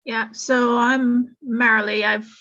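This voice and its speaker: Woman panelist, bright even voice, measured delivery, dull lo-fi call sound. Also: on the high side. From Trinidad. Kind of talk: online panel discussion.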